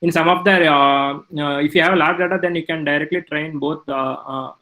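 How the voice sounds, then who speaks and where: A male lecturer giving a technical talk, halting with many fillers. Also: on the high side, steady tone, pushed and bright, low-quality recording.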